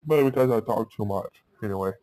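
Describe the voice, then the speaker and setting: A man's voice: lowish voice, a little fast, warm tone, no room sound. A man improvising a storytime, rambling and restarting his sentences often.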